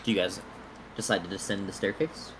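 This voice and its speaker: A man narrating a tabletop game as game master, setting scenes slowly and deliberately over a voice call. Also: deep voice, fairly even intonation, a bit bright, poor audio.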